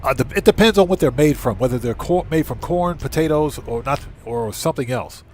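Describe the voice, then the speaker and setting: A mid-range male voice, slightly mellow and animated, moves a little fast over slight background noise. The speaker hosts a livestream channel and gives casual game commentary, thinking aloud and reading out the chat and on-screen text as he plays.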